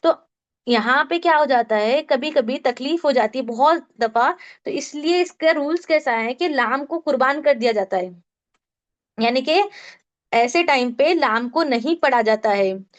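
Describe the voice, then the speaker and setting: A woman's voice: high-pitched, expressive, measured pace, muffled recording. A woman teaching a Quran recitation class online, explaining rules patiently step by step and quizzing her students. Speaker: tajweed teacher.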